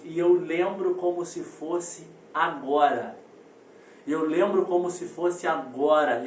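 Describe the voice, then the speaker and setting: A man, in his thirties, coaches parents over a live video call, his voice high for a man. He talks straight to his listeners in an animated storytelling manner. The sound is roomy and echoing, with a faint hiss behind it. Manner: animated storyteller addressing the audience directly. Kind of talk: live online parenting talk. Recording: roomy echo, distant mic, faint noise.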